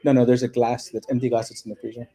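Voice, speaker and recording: A man's voice: medium pitch, flat delivery, racing, mellow. A man hosting a casual livestream, rambling and repeating words as he reads and answers comments. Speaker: livestream host. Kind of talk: casual livestream chat reading viewer comments. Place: hotel room, indoors.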